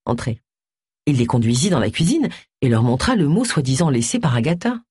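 An audiobook narrator giving an expressive reading of a novel on a close studio mic. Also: medium pitch, quick pace, breathy edge, dry recording.

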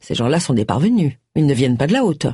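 A woman's voice: deep voice, big pitch swings, quick pace, mellow, slightly rough, no echo, clean studio sound, voice pushed down, full character voice. A reader voicing a brusque, wry middle-aged woman private detective in an audiobook. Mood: firm, wry. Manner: firm, impatient.

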